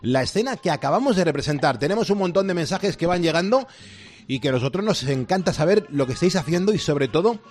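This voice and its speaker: Husky, high-set Spanish male radio host. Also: expressive, fast talker, a little mellow. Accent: Castilian Spanish from Spain. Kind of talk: chatty live radio presenting.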